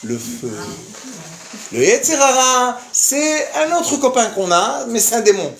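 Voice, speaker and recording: A man's voice: extremely high pitch, slow pace, gravelly. A man in his fifties or older, a rabbi telling a story to a live audience, acting out the dialogue and laughing as he tells it. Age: 50s or older. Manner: animated, acts out dialogue, laughs while telling. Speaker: rabbi giving a lecture. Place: lecture hall. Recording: echoey lecture hall, faint noise.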